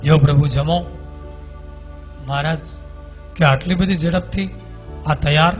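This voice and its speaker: A man's voice: fairly high pitch, fairly even intonation, a little slow, soft background music. A man with a Gujarati accent preaching a devotional story sermon, acting out the characters' dialogue as he tells it. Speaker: swami preacher.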